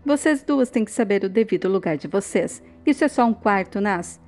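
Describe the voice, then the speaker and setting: A woman's voice: medium pitch, expressive, moderate pace, darkish tone, close to an everyday voice. A woman reading the lines of a stern elderly grandfather who heads the family, in a plain, commanding tone. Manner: plain read-aloud, commanding.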